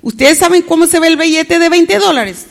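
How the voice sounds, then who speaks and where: A woman's voice: very high-pitched, a little fast, long reverb tail. A woman telling a story to children, often stopping to ask them questions. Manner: asks the children questions, animated.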